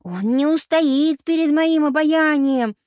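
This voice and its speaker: A woman reading a storybook aloud, voicing Penelopa, a shrill, jealous young noblewoman who shrieks with indignation. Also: takes it slowly, a little mellow, no room sound, clean studio sound. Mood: triumphant.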